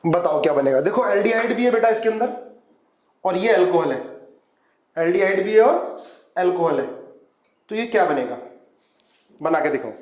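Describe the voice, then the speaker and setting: A man's voice: high voice, lively intonation, normal speed, long pauses, darkish tone, roomy sound, poor audio. A man teaching a chemistry lecture at a whiteboard, coaxing students and calling them "beta" as he walks through reaction mechanisms. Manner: coaxing, calls students "beta", asks them to follow along.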